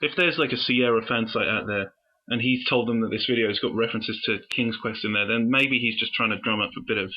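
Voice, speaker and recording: A man's voice: lowish voice, fast, a little hiss or hum. Easygoing man on dull lo-fi audio. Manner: easygoing, hesitant. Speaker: podcast co-host. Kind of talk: casual podcast chat.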